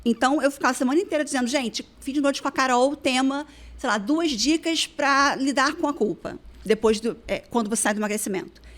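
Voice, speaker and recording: A quick, lively woman, her voice sitting a little high. She tells stories as a podcast guest and slips into the voices of the people she quotes. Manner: animated, acts out dialogue from her past. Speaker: guest, weight-loss therapist. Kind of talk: casual storytelling in a podcast interview.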